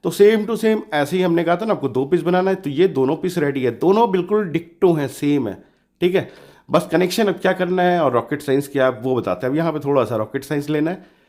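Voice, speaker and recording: This DIY electronics host runs a hands-on tutorial in a voice on the high side, animated, brisk and a little mellow. He keeps it informal and colloquial, frequently repeating points to stress them.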